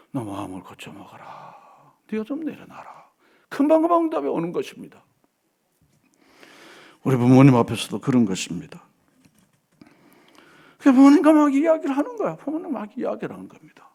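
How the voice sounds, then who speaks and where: A middle-aged male pastor preaching a Sunday sermon in a church, swinging from animated delivery to soft asides and acted quotes. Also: very high voice, creaky, slightly rough. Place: church sanctuary.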